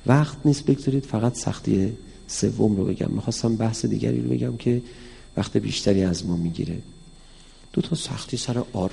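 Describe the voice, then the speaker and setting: Cleric-lecturer, male, raspy and gravelly, animated sermon style that acts out dialogue, recorded in a big echoing hall. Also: lowish voice. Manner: lively, acts out quoted dialogue in a raised voice. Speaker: cleric teaching mysticism. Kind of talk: religious lecture to an audience. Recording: long hall reverb.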